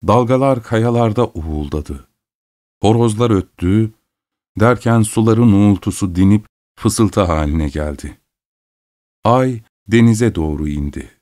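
A man narrating a literary story with a measured, unhurried manner. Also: fairly low pitch, darkish tone.

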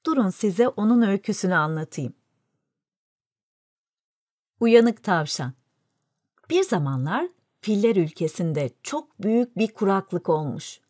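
A woman narrating a folk fable in a clear, even storytelling delivery. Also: mid-range voice, measured pace, long pauses, dry recording, studio quality. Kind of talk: scripted fairy-tale narration.

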